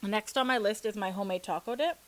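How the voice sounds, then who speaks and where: A woman's voice: medium pitch, fast, fairly bright tone. A woman hosting an eating show, chatting informally to viewers between mouthfuls. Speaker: mukbang host. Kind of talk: casual chat to viewers while eating.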